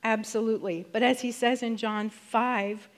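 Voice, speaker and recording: A woman preaching a sermon to a congregation, in a conversational, emphatic way that slows down to stress key phrases. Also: on the high side, fairly even intonation.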